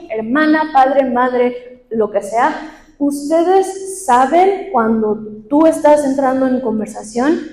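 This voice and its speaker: A woman's voice: a little high, warm tone. A woman presenting a communication workshop, asking the audience questions and acting out everyday examples. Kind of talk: leadership and communication workshop talk. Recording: echoey hall with long reverb.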